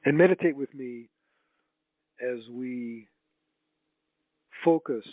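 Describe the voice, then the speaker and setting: A man leading a guided healing meditation as a spiritual channel, in a solemn, mystical healer manner with drawn-out, halting phrases. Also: mid-range voice. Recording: roomy, tinny phone-like line.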